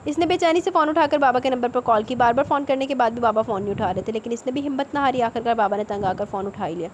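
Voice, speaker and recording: A woman narrating a romance novel aloud in a steady voice, with occasional spoken asides. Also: a little high, slight background noise.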